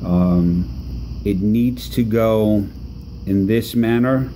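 Off-camera at an indoor workbench, a man walks through a hands-on repair demo as a product demonstrator. He talks in a relaxed, halting way with many fillers, his voice on the low side, and there's background noise.

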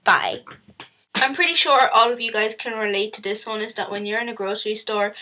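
A woman's voice: a little high, fast, noisy background. A woman vlogger ranting casually and with exasperation about everyday annoyances, swearing freely.

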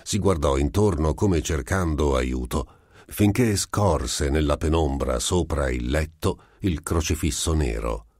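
A man narrating a literary story for an audiobook in a measured storytelling way. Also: extremely low pitch, a little mellow, dry recording, clean studio sound.

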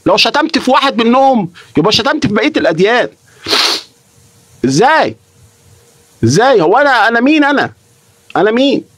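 A man's voice: very high voice, big pitch swings, brisk, long pauses, a bit bright, no echo. A young Egyptian man chatting on a live stream, emotional and repeating himself, swearing oaths as he talks. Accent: Egyptian Arabic. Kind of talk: casual live-stream chat.

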